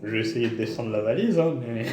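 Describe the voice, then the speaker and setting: A man's voice: mid-range voice, expressive, fast. A man chatting casually as a player in a tabletop role-playing game. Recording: echoey, noisy room.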